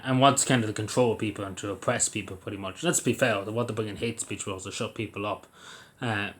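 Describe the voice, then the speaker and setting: An Irish man shares his views in a casual vlog, talking straight to the camera. His voice is fairly low with a slight brightness, and he rambles, restarting often and leaning on fillers.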